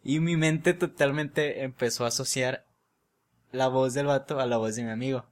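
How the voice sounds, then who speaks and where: A young man with a Mexican Spanish accent chats casually, telling a slang-filled story and laughing often. His mid-range voice keeps a steady tone at a normal speed.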